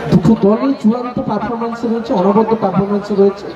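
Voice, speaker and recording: A man's voice: high voice, fairly even intonation, racing. A man making emphatic, repetitive football tournament announcements and commentary. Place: outdoor football ground with crowd. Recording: muffled echoey distant PA, crowd noise.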